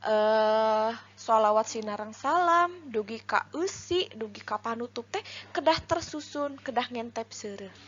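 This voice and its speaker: A woman's voice: fairly high pitch, a bit bright, highs cut off. A woman teacher explaining a lesson step by step, asking questions and answering them herself.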